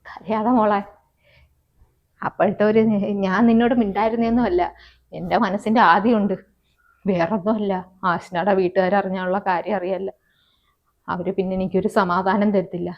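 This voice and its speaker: A woman's voice: mid-range voice, steady tone, moderate pace, long pauses, natural voice. A woman playing a fretful, caring mother-in-law. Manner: repeats herself, soothing then fretful. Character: worried mother-in-law, anxious but caring. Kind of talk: amateur family web-series acting. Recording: slightly dull, lo-fi sound.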